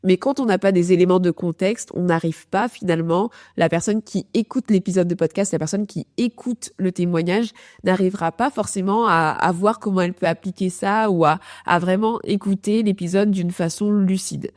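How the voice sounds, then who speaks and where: Female podcast host, informal talk, soft dark tone, slightly low, robotic artifact on the voice. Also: moderate pace, no echo, clean studio sound. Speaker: podcast host, productivity coach.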